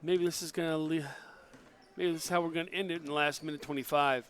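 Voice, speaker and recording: A man doing partisan color commentary on a high school basketball game, urging the players on from the booth. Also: steady tone, quick pace, a bit bright.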